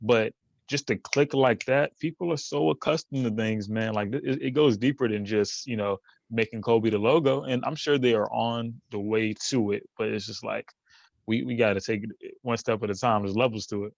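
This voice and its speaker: A man's voice: mid-range voice, moderate pace, gravelly, no room sound, highs cut off. A man as a podcast guest in casual chat, rambling with many fillers and restarts and laughing often. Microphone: remote recording.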